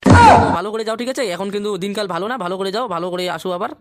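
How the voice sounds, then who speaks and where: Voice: mid-range voice, very fast, very noisy, pitched below the performer's own voice, lightly acted. A performer doing a fussy old cartoon dad. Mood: fussing. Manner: repeats himself, fussing advice. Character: chatty old father, fussy and caring.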